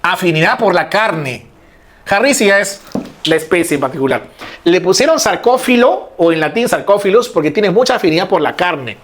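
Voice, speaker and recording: A man gives an online lesson in a fairly high voice. He explains step by step and repeats his key words. He keeps turning to the students with short questions. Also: very animated, normal speed. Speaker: teacher. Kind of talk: online class lecture.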